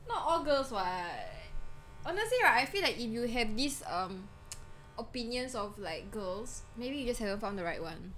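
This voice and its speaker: A young woman with a Singaporean accent chatting casually in colloquial Singlish, blunt, animated and expressive. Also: a little high, moderate pace, a little hiss or hum. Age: young adult. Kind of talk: casual unscripted chat.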